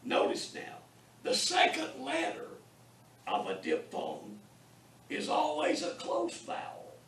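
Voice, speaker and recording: A man teaching a beginners' Greek class in a classroom, drilling sounds slowly and deliberately with lots of repetition and a teasing sense of humor. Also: on the high side, huge pitch swings, vocal fry, a bit bright, recorded from a distance, a little hiss or hum. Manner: wry, teasing humor with students. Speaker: Bible college Greek teacher. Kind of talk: classroom lecture. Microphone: distant room mic. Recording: echoey classroom taped from afar.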